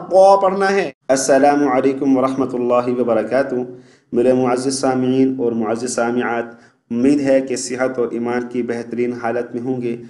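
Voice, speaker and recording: A man teaching Quran recitation, stretching the recited words slowly between quick spoken explanations. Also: fairly high pitch, darkish tone, roomy sound. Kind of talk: online recitation lesson.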